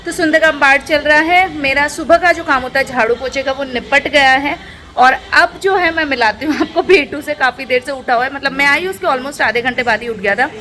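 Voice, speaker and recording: A woman's voice: high voice, fairly quick, pushed and bright. Chatty young woman vlogging at home. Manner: chatty, switching to sing-song baby talk with her toddler. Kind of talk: casual home vlog chat. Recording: noisy home recording.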